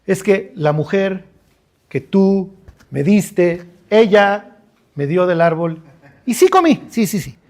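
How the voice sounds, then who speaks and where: A preacher acting out a sheepish, stammering Adam. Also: male voice, high voice, animated, slow pace, darkish tone, full character voice. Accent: Mexican Spanish. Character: Adam, a sheepish, excuse-making first man.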